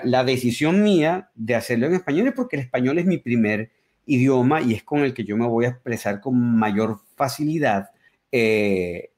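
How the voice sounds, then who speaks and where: A Venezuelan man with a mid-range, somewhat dark voice is a guest on a conversational interview held over a remote call. A musician and comedian, he tells stories with both enthusiasm and reflection.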